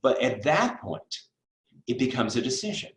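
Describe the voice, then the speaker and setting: A man's voice: mid-range voice, sing-song, moderate pace. A middle-aged man teaching a live online test prep class in a conversational way, with fillers and asides. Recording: roomy echo.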